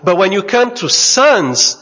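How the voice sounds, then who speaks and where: In a large hall with heavy echo, a man preaches in short, measured bursts, pausing for the interpreter, his native tongue being Portuguese. His voice is high, a bit bright, and sing-song, and the recording has a dull quality.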